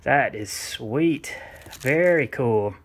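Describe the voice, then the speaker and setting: A man casually chatting as he unboxes a gift at home, rambling and swearing freely, often breaking into excitement. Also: mid-range voice, extremely slow, a little hiss or hum. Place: home room.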